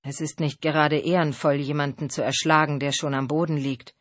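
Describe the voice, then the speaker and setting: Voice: medium pitch, little pitch movement, fairly quick, no room sound, close to an everyday voice. Vengeful young soldier in an audiobook, read by the narrator, bitter and hard. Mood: remorseful. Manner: shouting, bitter. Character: vengeful young male soldier, grim and fierce. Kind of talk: audiobook reading.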